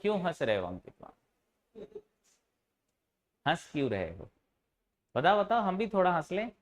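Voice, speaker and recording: Lively male teacher. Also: sits high, measured pace. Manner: asks the class questions and answers them himself; teasing, informal with students. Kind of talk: classroom lecture.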